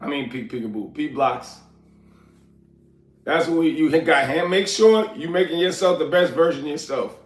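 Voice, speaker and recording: A slightly high-voiced man in his forties, originally from Liberia, speaks at a normal speed while livestreaming from his apartment. His talk is loose and rambling as he answers chat, and a cough shows he's still recovering from being sick. The room is echoey.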